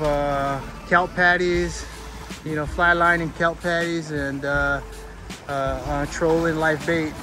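Middle-aged guy vlogging outdoors, slightly high voice, lots of uh and you know, camera mic, loud music in the background. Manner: relaxed, rambling, many fillers and restarts. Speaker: travel vlogger. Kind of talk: casual walking tour narration. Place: outdoors by the sea, streets and hotel balcony. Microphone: handheld camera at arm's length.

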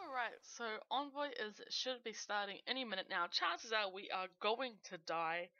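A woman's voice: a little high, pushed and bright, lo-fi sound. A woman giving chatty let's play commentary on her gameplay, giggling often and narrating each click. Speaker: gaming channel host.

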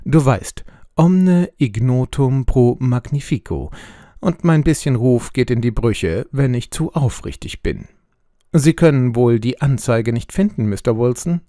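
A man voicing a sharp, lecturing middle-aged detective in an audiobook, explaining things precisely. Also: mid-range voice, a little slow, no echo, clean studio sound, natural voice. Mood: wry. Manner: precise, explanatory, lively intonation. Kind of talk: audiobook role reading.

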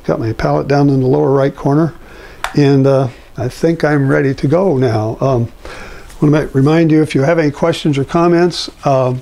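An older man, a painting instructor, takes listeners through a painting one step at a time, talking as he works in an indoor studio. His raspy, mellow voice sits fairly high and holds a steady tone. He speaks slowly and haltingly with frequent filler pauses, and there's a little hiss or hum on the recording.

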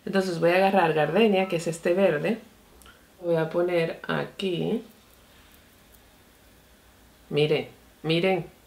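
A young beauty vlogger chats excitedly as she tries out new makeup at her vanity. Her voice sits on the low side and is gravelly with vocal fry. She keeps calling out to her viewers as she talks. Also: slow pace, long pauses. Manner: chatty and excitable, often says "mi amor" and "señores". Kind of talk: casual makeup review and tutorial.

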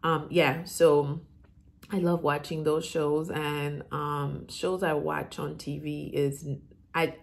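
The YouTuber, a middle-aged woman from Haiti who grew up in Florida after moving to the US as a child, speaks with a Haitian accent shaded by Southern US tones. Indoors in a house, she responds to viewer questions casually, thinking aloud in a deep, level, creaky voice at a slow pace.

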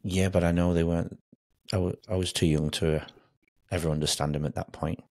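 A man in his forties answering as a client in a therapy session, speaking in a halting, reflective way. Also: low voice, steady tone, gravelly, darkish tone, no room sound, clean studio sound. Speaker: hypnotherapy client. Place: home office, video call. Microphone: desk microphone with headset.

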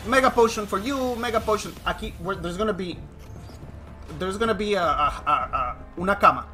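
A game streamer giving excitable live commentary, switching between Spanish and English. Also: mid-range voice, moderate pace, faint music behind. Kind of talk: live bilingual gameplay commentary.

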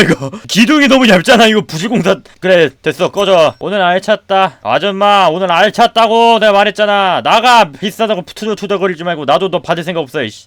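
A man commentating his own game play, loudly mock-scolding the customers, then muttering to himself. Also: a little high, no echo. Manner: excitable, swings from loud outbursts to muttering. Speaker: gaming streamer.

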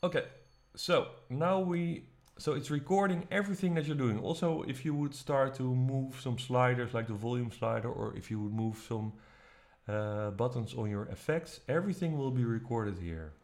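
A man teaching music production, walking through the software step by step in a relaxed, casual way. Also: mid-range voice, moderate pace. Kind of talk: screen-recorded software tutorial. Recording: faint music playing behind. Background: faint music.

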